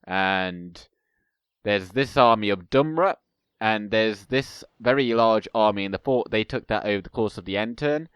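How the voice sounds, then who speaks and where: Congested from a cold, a young gaming video host chats casually over a strategy game, rambling and often correcting himself. His voice is on the low side, smooth and fairly bright, and he speaks a little slowly. There is no room sound.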